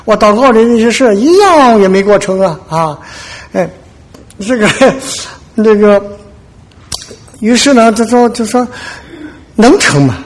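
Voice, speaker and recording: A man's voice: high voice, expressive, unhurried, long pauses. A man preaching a conversational sermon, telling Bible stories in a folksy way and checking with listeners. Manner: folksy storytelling, frequent "对吧" asides, acts out quotes.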